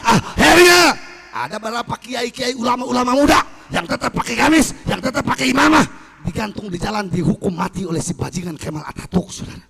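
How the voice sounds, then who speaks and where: A male preacher with a very high, gravelly voice delivers a fiery sermon. He shouts rhetorical questions at the crowd and hammers points home through repetition, with a sharp, forceful edge to his tone. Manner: repeats phrases for emphasis. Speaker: Islamic preacher.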